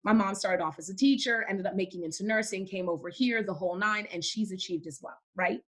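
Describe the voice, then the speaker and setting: A woman's voice: mid-range voice, fairly quick. A young woman from Cameroon, a podcast guest in casual faith-based conversation, who speaks emphatically and repeats words for stress.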